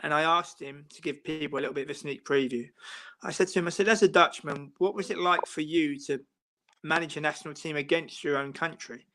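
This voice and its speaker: An English football interviewer chats casually on a live stream, giving long, rambling answers full of fillers and restarts. His voice is on the high side with a sharp tone and fairly even intonation, and he speaks fairly quickly. There's slight background noise.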